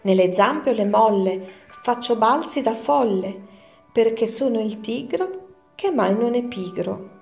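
A boisterous male tiger who cannot stop leaping, played by a woman reading aloud. He is sing-song and exuberant, a touch higher than her usual voice. Faint music sits behind the voice in a roomy space. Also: animated, measured pace, gravelly, a little mellow. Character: bouncy cheerful male tiger, always leaping.

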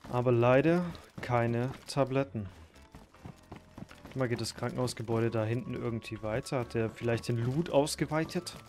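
A man commenting on his own survival gameplay, thinking aloud, swearing and breaking into sudden loud outbursts. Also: medium pitch, steady tone, normal speed. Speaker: gaming YouTuber.

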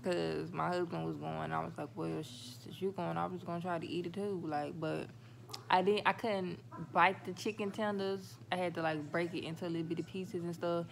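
A woman's voice: lowish voice, steady tone, moderate pace. A young woman vlogging casually in a car, talking with braces on and chatting to her viewers as y'all, a little slurred by the braces. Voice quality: talks a little funny with braces. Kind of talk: casual vlog update. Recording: phone recording with clear car noise. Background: car and road noise.

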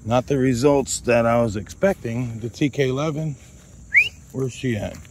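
Out in a grassy field beside the woods, a man with a mid-range voice vlogs at a moderate pace, rambling casually while he tests handheld radios with short calls. He chats to his dog along the way, and the background is noisy.

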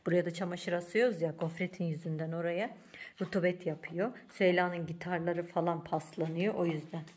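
A woman hosting a casual home vlog, talking to viewers and her daughter in an animated, exclamatory way, with a playful scolding tone. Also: on the low side, brisk. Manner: switches to a cooing baby voice for the cat. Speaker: vlog host and mother. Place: home indoors.

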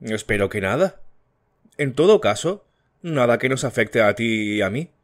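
A man's voice: mid-range voice, lively intonation, normal speed, natural voice. A man voicing a sly, fearful older woman servant who dodges questions, in an audiobook. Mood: evasive.

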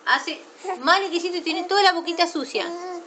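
A mother with an Argentine accent talking to her baby at home, coaxing her sweetly and scolding her gently. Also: extremely high pitch, normal speed. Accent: Argentine Spanish. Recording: roomy, distant, noisy home video.

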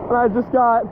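A man in his twenties vlogs excitedly while fishing a river beside a waterfall, whooping whenever a fish bites. He holds an action camera at arm's length, so the audio is very high-pitched, narrow, and tinny. Loud rushing river water fills the background.

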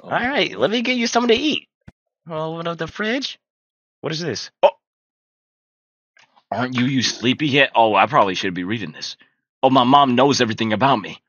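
A man's voice: medium pitch, lively intonation, fairly quick, long pauses, fairly bright tone, dry recording, highs cut off. A young man giving casual, joking game commentary in a slangy, profane, playful manner, close on the mic. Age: young adult. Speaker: game streamer. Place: small indoor streaming room.

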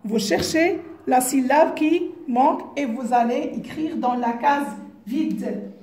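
A woman teaching a phonics lesson to young pupils, speaking slowly and deliberately, repeating each word and spelling out its syllables. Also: high voice, mellow, echoey room, slight background noise. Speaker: kindergarten teacher.

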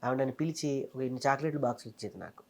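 Speaking quickly and with lots of animation, a Telangana-born comedian and mimic in his thirties recounts his career path during a relaxed interview. His voice falls in the mid range.

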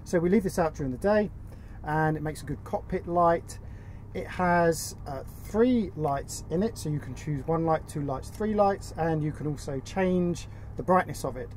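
Sitting outdoors in a sailboat cockpit, a middle-aged co-host of a sailing vlog chats casually and enthusiastically while presenting his favourite boat gadgets. His voice is fairly high with a darkish tone, delivered at normal speed over a faint outdoor hiss.

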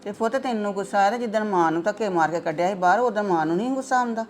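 A woman's voice: medium pitch, racing, slight background noise, natural voice. A middle-aged woman playing a stern mother who lectures her daughter in a family drama. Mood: reproachful. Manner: lecturing, reproachful.

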